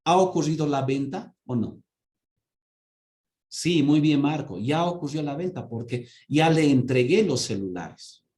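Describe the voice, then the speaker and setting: A man's voice: fairly high pitch, animated, measured pace, warm tone. Echoey male accounting teacher. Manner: asks students for confirmation with repeated "¿sí?"; explains with everyday examples. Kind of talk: online class lecture.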